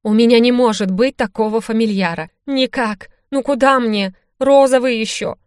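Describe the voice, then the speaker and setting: A woman's voice: fairly even intonation, normal speed, smooth, no echo, clean studio sound, natural voice. A woman reading an audiobook voices a big male thug student who whines and panics in a raised, strained voice. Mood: mumbling. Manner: whining, panicky, high-strung.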